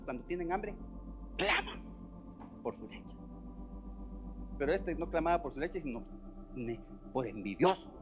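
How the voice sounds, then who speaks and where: A man preaching a sermon at a church service, acting out the voices he quotes and swinging between loud and soft. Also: on the high side, noisy background.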